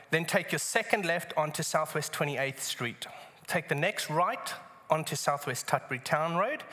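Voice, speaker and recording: A man's voice: fairly high pitch, bright, forceful tone. A man with a British accent preaching to a congregation in a humorous storytelling style, wry and self-deprecating. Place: church, speaking to congregation. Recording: reverberant large hall.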